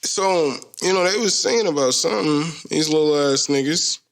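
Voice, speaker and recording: This man's voice is on the high side and creaky, delivered at normal speed. In his thirties, he hosts a solo podcast and chats loosely, cracking jokes and using plenty of slang.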